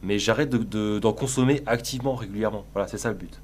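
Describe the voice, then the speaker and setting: A man's voice: lowish voice, quick pace, slight background noise. A man streaming live, chatting casually in a crude, sarcastic, rambling way while answering his chat.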